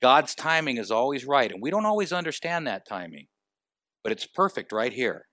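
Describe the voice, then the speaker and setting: A man preaching a sermon, asking the congregation rhetorical questions and moving between quiet and emphatic delivery. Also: medium pitch, big pitch swings, normal speed, no echo, studio quality.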